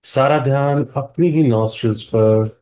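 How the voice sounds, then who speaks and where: Leading a guided meditation, a mid-range man with an Indian accent speaks in a hushed, soothing manner. Short phrases are followed by long stretches of silence.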